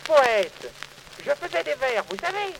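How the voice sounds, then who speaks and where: A man's voice: very high-pitched, very animated, a little slow, gravelly, fairly bright tone, slight background noise, voice pushed up, full character voice. A man voicing the humble soul of a poor poet who coaxes and pleads at heaven's gate in a recited poem. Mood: sheepish. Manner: wheedling, sheepish.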